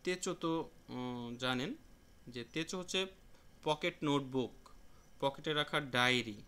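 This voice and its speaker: A man teaching a language class in a plain, patient way, repeating each word slowly and restarting himself now and then. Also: mid-range voice, sharp tone, smooth. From Bangladesh. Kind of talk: classroom lesson explaining vocabulary.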